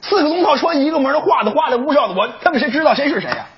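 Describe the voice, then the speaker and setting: A man's voice: very high voice, lively intonation, very fast, lo-fi sound. A young man performing crosstalk comedy as the lead teller, telling a story and mimicking opera lines and asides. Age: young adult.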